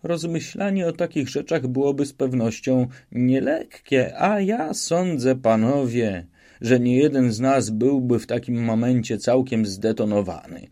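A man's voice: mid-range voice, a little slow, warm tone, close to an everyday voice. A man voicing a naive, cheerful soldier who talks earnestly and rambles politely in an audiobook. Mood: cheerful rambling. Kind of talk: audiobook reading.

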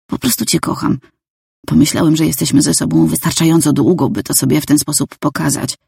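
A woman voicing a pushy, eager teenage boyfriend in a storybook reading, coaxing and soft-spoken. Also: low voice, fairly even intonation, fairly quick, vocal fry, husky, no room sound, studio quality, exaggerated voice.

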